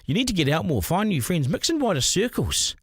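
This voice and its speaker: A man's voice: high-pitched, big pitch swings, a little fast, slightly rough, no echo, clean studio sound. A man, hosting a podcast with a blunt, opinionated monologue. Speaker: podcast host.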